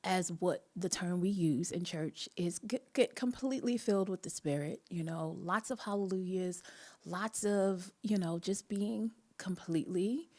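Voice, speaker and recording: At a measured pace, this woman's fairly low, slightly mellow voice carries a Jamaican accent as she hosts a live online talk. She chats earnestly through a personal, motivational story, often laughing between phrases.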